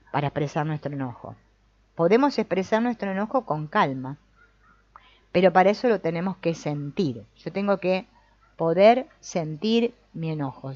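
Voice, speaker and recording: A woman's voice: fairly low pitch, darkish tone, no echo. A woman leading a family constellations group, reading from a book and commenting reflectively, often checking in with the group. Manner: reflective, often adds a questioning "no?" or "mm?". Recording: dull lo-fi, dry sound.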